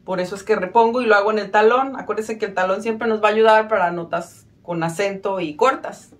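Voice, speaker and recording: A woman's voice: medium pitch, a little fast. A woman giving a casual violin lesson, friendly and self-mocking, counting beats aloud. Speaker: violin teacher.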